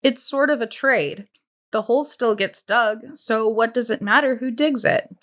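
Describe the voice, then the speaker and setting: A woman's voice: a little high, unhurried, fairly bright tone, pitched above the performer's own voice. A woman reader voicing an earnest teenage boy who reasons and questions in his own defence. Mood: earnest, defensive.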